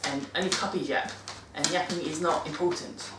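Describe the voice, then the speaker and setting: A woman's voice: low-pitched, fairly even intonation, a little fast, background noise. A British woman talking casually about caring for dogs, chatty and rambling, often correcting herself mid-sentence. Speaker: vlogger giving dog-care tips. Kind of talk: casual monthly vlog talk. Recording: roomy sound from a distant mic.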